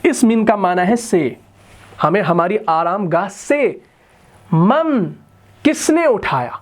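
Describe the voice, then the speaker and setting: A man's voice: sits high, animated. Patient male Quran teacher explaining. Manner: patient explaining, often checks if students follow; intones Quranic verses in a slow chant. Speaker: Quran and Arabic grammar teacher. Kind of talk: recorded online lesson.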